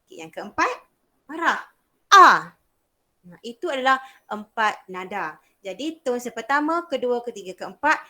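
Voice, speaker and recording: A woman's voice: fairly high pitch, very animated, moderate pace, sharp tone. A young woman with a Malaysian Malay accent teaching a beginners' Mandarin class, explaining patiently and repeating sounds to demonstrate. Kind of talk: online language lesson.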